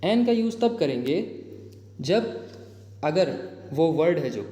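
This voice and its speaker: The Indian-accented grammar teacher is very animated here, his fairly high voice carrying a dark tone. Chatty in his exam-prep explanations, he keeps calling viewers "bhai" and asking "theek hai?" and reads English sample sentences slowly and carefully, with his echoey room adding long reverb.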